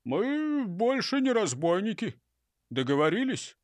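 A man's voice: sits high, very animated, a little slow, dry recording, pitched above the performer's own voice. A man playing a whiny clumsy robber. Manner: plaintive, sobbing complaints. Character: clumsy whiny male robber, easily upset. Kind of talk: audiobook character voice.

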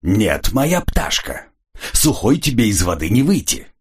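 A man's voice: lowish voice, a little slow, slightly rough, full character voice. A man reading a cold pressing investigator. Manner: flat, pressing, coolly menacing. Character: cold hard-edged male investigator. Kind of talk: audiobook character reading.

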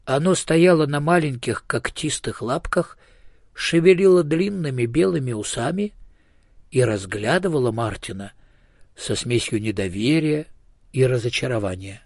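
A man reading a children's story aloud as narrator, in an even, measured way. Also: medium pitch, no echo, studio quality. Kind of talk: audiobook narration.

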